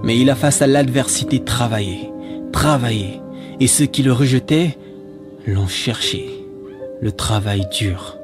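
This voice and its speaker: A man's voice: medium pitch, measured pace. A man reading a scripted monologue in a solemn, exhorting manner with rhetorical repetition. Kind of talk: scripted spoken-word monologue. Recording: music behind the voice.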